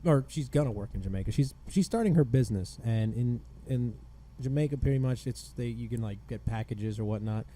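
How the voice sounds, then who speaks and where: A man's voice: mid-range voice, fairly quick, hardly any pauses, dark tone, a little hiss or hum. A man hosting a casual podcast chat among friends, rambling with many restarts and fillers. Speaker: podcast host.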